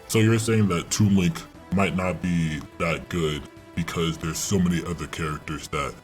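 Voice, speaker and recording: A young man talking through a voice changer that shifts his voice very deep, speaking in a hesitant, rambling way with many fillers. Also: fairly even intonation, moderate pace, soft background music. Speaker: student posing as a stranger.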